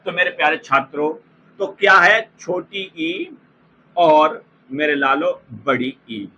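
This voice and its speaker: A man teaching an exam-prep lesson in a bright, high voice, speaking slowly and repeating each term so students can copy it down. He addresses the class with fond terms as he explains. Faint noise runs underneath the recording. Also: dull audio. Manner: slow, repeats terms for dictation.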